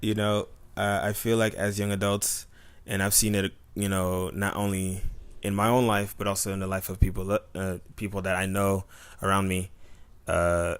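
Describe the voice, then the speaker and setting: Deep voiced guy in his 20s just chatting on a podcast, jokey and rambly, real dry close mic. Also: level tone, moderate pace, smooth, dry recording. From Tampa, Florida. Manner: joking, rambling, full of "you know". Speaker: podcast co-host. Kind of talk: casual podcast chat.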